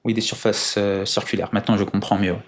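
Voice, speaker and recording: A man's voice: fairly low pitch, level tone, brisk. A man being interviewed in casual chat, speaking in a careful, formal way with many hesitations, precise with numbers and dates. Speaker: guest.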